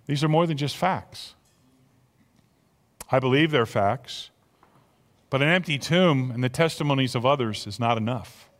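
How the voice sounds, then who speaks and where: A man preaching an Easter sermon as pastor, impassioned, swinging from loud emphasis to hushed near-whispers. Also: mid-range voice, a little slow, pauses often. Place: church sanctuary. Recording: long reverb of a church hall.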